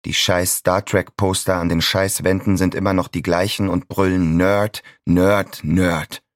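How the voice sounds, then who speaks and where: A man's voice: deep voice, level tone, a little slow, dry recording, studio quality. An actor in his twenties playing a bitter 26-year-old son stuck in his childhood room, in a sardonic, brooding inner monologue. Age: 20s.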